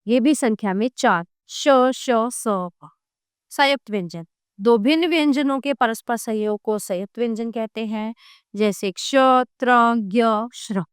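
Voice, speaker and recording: Clear-voiced woman teaching grammar. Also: on the high side, a little slow, dry recording, clean studio sound. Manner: reads definitions and lists letters one by one, with asides to students. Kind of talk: grammar lesson read from an ebook.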